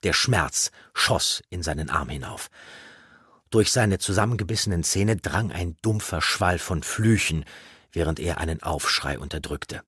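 A man narrating a fantasy audiobook in a measured, dramatic reading. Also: sits low, animated, bright, forceful tone, slightly rough, no echo, studio quality.

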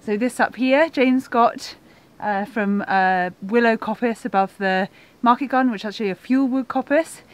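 A young woman hosting a farm vlog, talking in a relaxed, thoughtful way with plenty of fillers, filmed outdoors and in a goat shed. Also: a little high, moderate pace. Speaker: farmer and vlog host.

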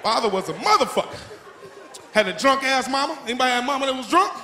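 Loud, profane stand-up comic in a roaring club. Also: male voice, very high-pitched, lively intonation, fast talker, background noise. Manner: loud, profane, acts out shouting parents and whining kids. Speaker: stand-up comedian. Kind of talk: stand-up routine. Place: comedy club stage before a laughing audience. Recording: echoey club with loud crowd laughter. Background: crowd laughter.

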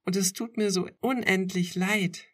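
A woman's voice: medium pitch, steady tone, measured pace, pitched above the performer's own voice, lightly acted. A woman reading aloud who voices the narrator's teasing, emotional young girlfriend with a slightly lifted tone. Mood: tearful, intense. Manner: tearful then giggly and teasing.

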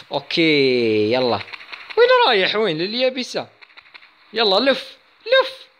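Brief: excitable male let's-play host, high, bright voice, chatty with viewers. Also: slight background noise. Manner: excitable, chatty, addresses viewers, yelps at game moments. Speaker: gaming channel host.

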